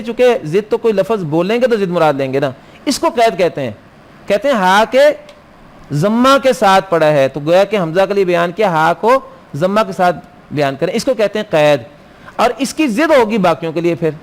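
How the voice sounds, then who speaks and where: A man teaching Quran recitation rules in a classroom lecture, quizzing his students and answering his own questions, and slowly chanting Arabic verse lines. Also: high-pitched.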